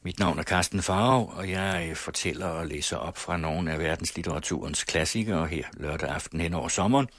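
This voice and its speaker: Radio reader, male, lowish husky voice, unhurried, dry studio sound. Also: fairly bright tone, dry recording. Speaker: radio host reading classic literature. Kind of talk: literary reading and commentary.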